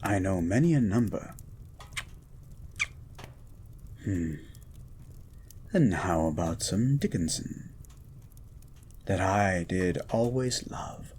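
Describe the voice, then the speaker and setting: Man playing slow, low-voiced Beast, erudite and romantic. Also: dark tone, a little hiss or hum. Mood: flirtatious, then tender, poetic. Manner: eloquent, formal, flirtatious, lingering over words. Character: gentle, erudite blue beast mutant scientist, romantic poet. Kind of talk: romantic roleplay audio with poetry reading.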